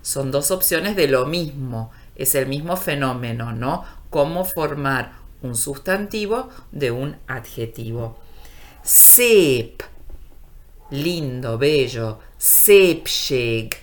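Slow, low-voiced woman teaching a language. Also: lively intonation. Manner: slow, deliberate, stretching out words for learners. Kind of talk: radio language lesson.

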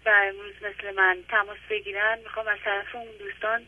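A woman from Iran phones in to a radio program from home, her mid-range voice delivered flatly. She speaks earnestly and gratefully over the phone line, with hesitant fillers.

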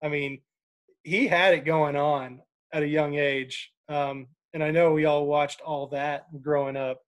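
A man hosting a casual movie podcast, talking in a relaxed way with fillers and laughs. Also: on the high side, unhurried. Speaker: podcast host.

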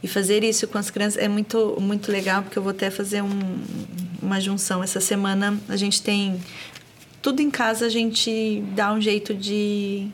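A woman, telling a story about parenting in a lively, expressive, casual way. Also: medium pitch, normal speed, slight background noise. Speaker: mother sharing parenting story. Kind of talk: casual conversation.

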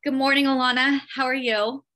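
A woman's voice: high-pitched, steady tone, brisk, sharp tone. A woman hosting a podcast in a casual, informal and friendly conversational way. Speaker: podcast host.

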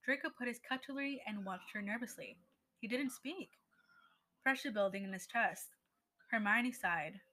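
A woman narrating a story aloud in a steady voice, with an occasional stumble. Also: a little high, moderate pace. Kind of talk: reading fan fiction aloud.

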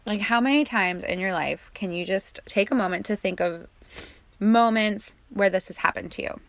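A young woman guiding a meditation and reflecting on her own experience in a soft, calm, casual way. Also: medium pitch, moderate pace. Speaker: meditation guide. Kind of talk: guided meditation and personal reflection.

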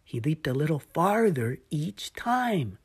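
Female storyteller for a kids' picture book, calm, soft, unhurried reading. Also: deep voice, breathy edge.

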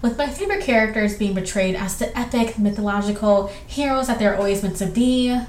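A young woman from southwestern Georgia with a Southern accent hosts a casual solo podcast in a mid-range, darkish voice. She rambles chattily through listener questions in quick, filler-heavy bursts, recorded in an echoey room with faint background noise.

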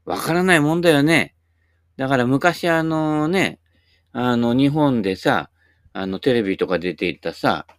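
A man's voice: lowish voice, no echo, studio quality. A man in his sixties talking in a folksy, rambling way, full of asides and tag words, as he hosts his own channel. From Japan. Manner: chatty, folksy, many tag particles and asides. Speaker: YouTube host. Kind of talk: casual rambling monologue.

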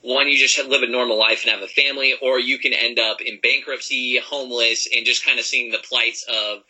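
A man chatting on a casual gaming podcast. His voice is very bright and husky. He rambles earnestly, with plenty of fillers. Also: mid-range voice, steady tone, fairly quick, poor audio. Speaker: podcast co-host.

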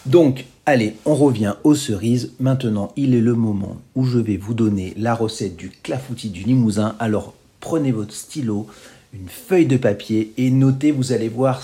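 A man's voice: medium pitch, dark tone. A man hosting a food radio show, talking casually and chatting playfully with light irony as he walks listeners through a recipe. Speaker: radio host.

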